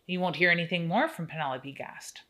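A woman voicing a prim, folksy, menacing middle-aged farm woman who scolds quietly and primly, stumbling over her words. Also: on the low side, fairly quick. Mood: prissy scolding. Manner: quiet, prissy scolding with euphemisms and stammers.

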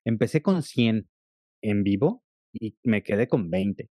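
A man talks fast and with animation as a podcast guest. His voice is dark and mellow, recorded close and dry with no room sound. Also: fairly low pitch, no room sound. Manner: fast-talking, animated storyteller. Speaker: guest, content creator on attention deficit. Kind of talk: casual interview chat.

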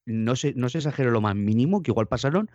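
A man's voice: medium pitch, expressive, fast talker, darkish tone, dry recording. A man from in a casual podcast chat, telling things in a sarcastic, joking way. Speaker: podcast co-host. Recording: dull, slightly lo-fi mic.

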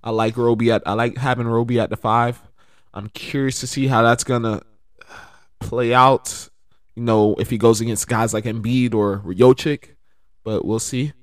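A man's voice: medium pitch, normal speed, dry recording. Laid-back guy chatting basketball, lots of "like" and "you know", dry close sound. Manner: relaxed, rambling, lots of fillers, bursts of excited laughter. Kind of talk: casual sports chat.

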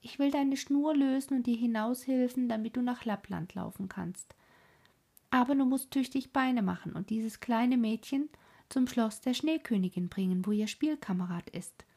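A woman voicing a bold, rough little robber girl in a storybook reading, loud and brash. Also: fairly high pitch, normal speed, pitched above the performer's own voice. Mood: commanding.

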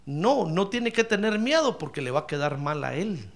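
A man preaching a sermon, animated and humorous, often calling his listeners brother and acting out Bible scenes. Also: sits high, moderate pace, vocal fry.

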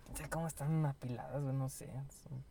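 A man's voice: medium pitch, fairly even intonation, fairly quick, a crowd in the background. A man with a Mexican Spanish accent, co-hosting a casual podcast in a slangy, laughing, loose way. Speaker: podcast co-host. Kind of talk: casual chat.

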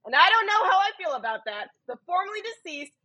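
Very high, squeaky twitchy rat. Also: big pitch swings, fast, pushed and bright, dull audio, heavily acted. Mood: theatrical. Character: twitchy squeaking giant rat intern, eager. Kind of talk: comedy script read aloud.

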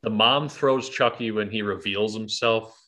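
A man hosting a casual film podcast, talking animatedly, swearing and mimicking characters in quick asides. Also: fairly low pitch, over music. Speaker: podcast host. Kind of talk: casual movie chat.

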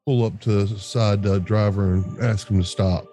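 A man talking casually as a player in a tabletop game, halting as he works out what his character does. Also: fairly low pitch, fairly even intonation, dark tone, soft background music.

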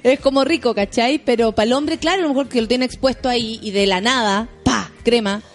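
A woman's voice: on the high side, fairly quick. A Chilean woman chatting casually and laughing easily, using local slang. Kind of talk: casual podcast chat.

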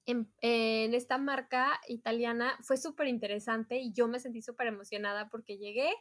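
A young woman with a Mexican accent, telling her story as a guest in a casual interview, chatty and animated, acting out what she said back then. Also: on the high side, normal speed. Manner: chatty, animated, acts out her own past quotes.

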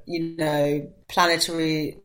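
Casting: woman guest, soft and hesitant, lowish voice. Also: level tone, slow. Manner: soft-spoken, hesitant, many ums. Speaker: podcast guest. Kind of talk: casual podcast chat. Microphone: remote call.

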